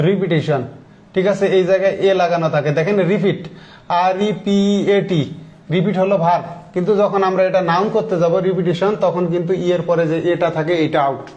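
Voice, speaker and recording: A male teacher with a high voice explains word forms to his class step by step. He stops often to put questions to the students. The recording sounds dull and lo-fi. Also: a little mellow. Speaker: English teacher. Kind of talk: classroom grammar lesson.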